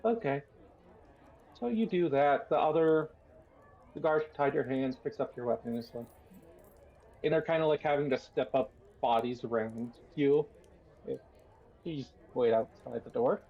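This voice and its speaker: A man narrating a tabletop game as game master, unhurried and hesitant, with many fillers. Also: mid-range voice, dull audio.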